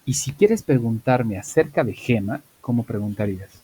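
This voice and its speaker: Husky man teaching English. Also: mid-range voice, expressive, moderate pace, dark tone, poor audio. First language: Spanish. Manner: patient, explanatory, with fillers and self-corrections. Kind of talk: online class explanation.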